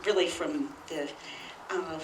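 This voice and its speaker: A woman's voice: sits low, steady tone, takes it slowly. Hesitant woman, echoey distant room. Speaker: speaker at a memorial. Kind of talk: personal anecdote. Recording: echoey room, far from mic, faint noise.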